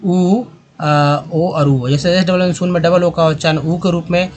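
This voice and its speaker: A man teaching English reading, slowly saying each word aloud and repeating it, speaking in a slightly higher voice. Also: steady tone, a little hiss or hum. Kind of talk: language lesson explaining pronunciation.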